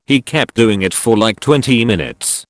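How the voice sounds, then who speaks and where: A man narrating gym stories from online posts in a steady, matter-of-fact reading voice. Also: mid-range voice, moderate pace, dry recording. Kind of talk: scripted narration.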